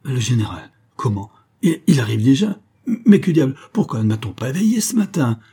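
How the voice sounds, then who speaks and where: A man's voice: medium pitch, animated, normal speed, dark tone, breathy edge. A man voicing a flustered, sleepy country landowner in a storybook reading, blustering in panicky outbursts. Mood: panicked.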